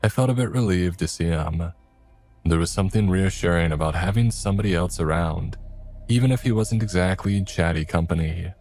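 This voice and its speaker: Deep-voiced man narrating a horror story. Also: a little fast, darkish tone, faint music behind.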